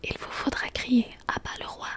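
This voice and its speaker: Sneering pirate captain in a woman's whisper, whispered role-play, syrupy threats, breathy. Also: moderate pace, a bit bright, lightly acted. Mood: menacing.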